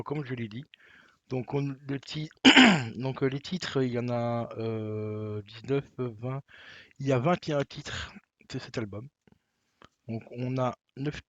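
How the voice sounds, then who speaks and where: A man's voice: medium pitch, no echo, dull audio. A man casually presenting a vinyl record unboxing to his viewers, hesitant, with many fillers. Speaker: vinyl collector vlogger.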